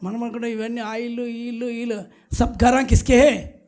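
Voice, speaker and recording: A man's voice: very high-pitched, little pitch movement, fairly quick, dark tone. A man preaching an emphatic sermon at a church night service, urging the congregation to call back answers aloud.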